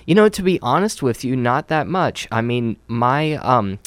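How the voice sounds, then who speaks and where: A man's voice: mid-range voice, lively intonation, unhurried, no echo. A man from Oregon answering interview questions about his job as a city communications specialist, in an upbeat, chatty way with many fillers.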